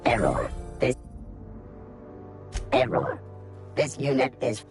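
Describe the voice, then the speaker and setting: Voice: medium pitch, big pitch swings, slow, over loud music. A performer voicing a malfunctioning company robot that glitches and repeats error messages, in a video game. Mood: glitching.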